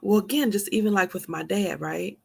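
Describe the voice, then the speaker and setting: Gravelly, husky woman in her forties. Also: medium pitch, normal speed. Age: 40s. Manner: earnest, repetitive, preacherly emphasis. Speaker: live-stream host. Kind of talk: heartfelt motivational talk.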